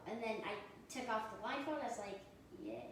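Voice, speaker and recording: A young woman talks through what she did, pausing on lots of ums and brightening as she retells it. She sounds slightly high and sits away from the mic in a very echoey room. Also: far from the mic, a little hiss or hum. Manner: hesitant, many ums, lively when retelling. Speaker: junior chef guest. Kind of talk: casual chat.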